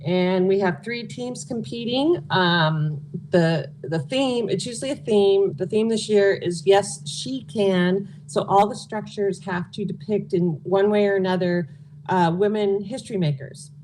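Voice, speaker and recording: A woman's voice: mid-range voice, unhurried, darkish tone, slight background noise, rough recording. A woman answering interview questions as a local event organizer, speaking in a casual, candid way. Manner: informal, candid. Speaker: interview guest, local food and beverage nonprofit organizer.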